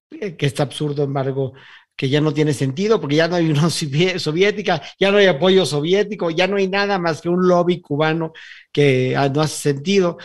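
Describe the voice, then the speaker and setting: A male podcast host from Mexico with a fairly high voice. He asks long, searching questions that circle around before landing. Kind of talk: interview questions.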